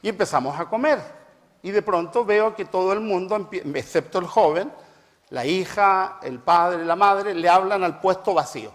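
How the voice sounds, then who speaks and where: A man's voice: high-pitched, normal speed, fairly bright tone. A middle-aged man preaching a reflective talk with personal anecdotes, emphatic and repeating phrases for stress, in a hall with a long reverb. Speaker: preacher and family therapist.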